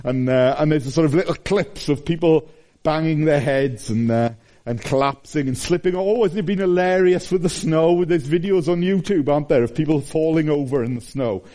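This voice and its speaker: Male preacher, middle-aged, slightly high voice, animated emphatic sermon delivery. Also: moderate pace. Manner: animated, voice rising and falling with emphasis.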